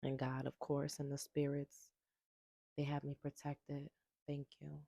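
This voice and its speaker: A woman talks straight to her viewers in a personal vlog, unhurried and a little gravelly. She is blunt and emphatic, swearing freely and hammering her points with repetition. The sound is close and dry. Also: deep voice, monotone, mellow, dry recording. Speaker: vlogger.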